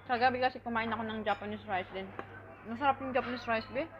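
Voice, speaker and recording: A woman's voice: a little high, fairly even intonation, quick pace. A woman vlogger chatting casually about food while talking through a mouthful of food. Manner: chatty, mixes in English words. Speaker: mukbang vlogger. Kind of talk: casual chat while eating. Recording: muffled lo-fi audio with background noise.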